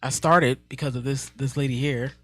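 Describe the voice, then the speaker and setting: Give me a bright-voiced guest in their thirties, chatting loosely in a studio. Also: medium pitch, steady tone, normal speed. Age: 30s. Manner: loose, profane storytelling. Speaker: music artist guest. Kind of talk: casual studio chat. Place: radio studio.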